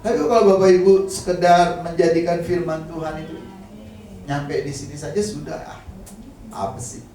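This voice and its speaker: A man's voice: a little high, steady tone, moderate pace, warm tone, a little hiss or hum. A man preaching a casual sermon in a church, speaking conversationally with humorous asides and often addressing the congregation directly. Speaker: pastor. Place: church hall. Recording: very echoey hall, mic at a distance.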